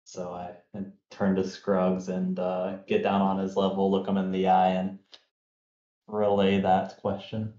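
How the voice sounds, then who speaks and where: A man's voice: deep voice, monotone, measured pace, dark tone. Hesitant man in a roomy, dull recording. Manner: hesitant, filler-heavy speech. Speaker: player. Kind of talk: tabletop game role-play.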